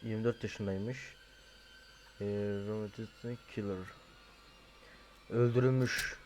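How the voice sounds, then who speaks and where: A young man doing casual horror game commentary, joking and mumbling, then yelling in panic. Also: fairly low pitch, fairly even intonation, slow, slight background noise. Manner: jokey, swings from mumbling to loud panicked yelling. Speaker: gaming streamer.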